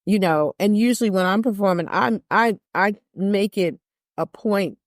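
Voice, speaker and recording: Speaking at a moderate pace in a deep voice, an older woman who sings jazz talks candidly as a podcast guest, stressing her points by repeating phrases. The audio is dry and studio quality.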